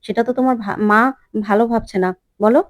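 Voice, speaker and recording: A woman reading the lines of a scheming, domineering eldest sister-in-law in a retold TV serial, in a sharp, commanding tone. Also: fairly high pitch, steady tone, fast, dry recording, dull audio, lightly acted. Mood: bossy.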